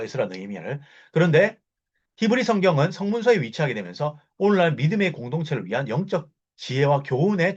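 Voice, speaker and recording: A man giving a Bible lecture, explaining at length and often pausing with fillers and correcting himself mid-word. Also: a little high, breathy edge. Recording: dull lo-fi recording.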